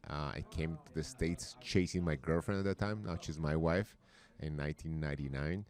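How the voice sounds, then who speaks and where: Very deep-voiced Colombian man. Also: moderate pace, darkish tone. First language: Spanish. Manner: hesitant, often repeats and restarts words. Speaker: podcast guest. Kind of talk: casual interview talk.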